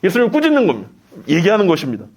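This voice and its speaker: Brief: lively male preacher, higher pitch, dramatic storytelling delivery. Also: racing, breathy edge. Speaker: pastor. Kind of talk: sermon.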